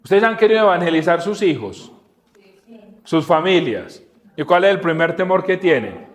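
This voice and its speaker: Man, podcast preacher, animated, questions to listeners, voice a bit high. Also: normal speed. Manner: animated, asks the audience questions, acts out dialogue. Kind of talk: conversational Bible teaching.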